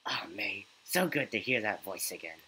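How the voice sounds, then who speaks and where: A man voicing a gruff middle-aged dad in a deep put-on manly voice while reading game dialogue. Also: animated, moderate pace, pushed and bright, full character voice, rough recording. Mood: fond.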